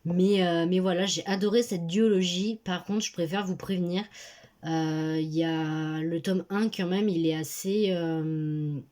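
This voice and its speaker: An eighteen-year-old woman talks through her favourite books in a relaxed vlog, her voice sitting a little low for a young woman. She rambles, hesitates and corrects herself as she goes, as if thinking aloud. The sound comes from a phone in her bedroom. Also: a little slow. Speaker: book vlogger. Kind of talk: casual book review vlog. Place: bedroom at her parents' home.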